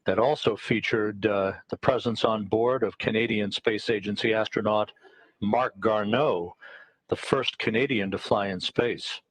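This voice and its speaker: A man giving live broadcast commentary in a measured way, often pausing on "uh". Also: fairly low pitch, fairly even intonation, no echo, low-quality recording. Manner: measured, with frequent "uh" pauses.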